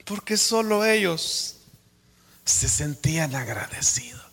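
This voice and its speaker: Gravelly, slow Guatemalan preacher in a reverberant hall. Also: male voice, fairly high pitch, expressive. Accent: Guatemalan Spanish. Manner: dramatic swings from hushed whispers to fervent shouts. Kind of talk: sermon.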